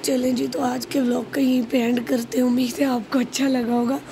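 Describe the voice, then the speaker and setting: A young woman from Pakistan with a hoarse voice, talking casually to camera in a family vlog. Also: high-pitched, little pitch movement, a little fast, background noise. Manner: chatty, repeats pious phrases. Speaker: vlogger.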